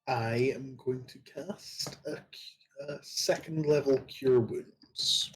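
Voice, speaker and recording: A man's voice: mid-range voice, slow pace, breathy edge, poor audio. A man talking casually as a player in a tabletop role-playing game.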